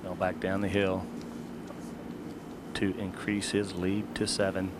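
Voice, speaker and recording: Deep, even-toned male golf analyst. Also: slow. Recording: outdoor broadcast, clear ambient noise.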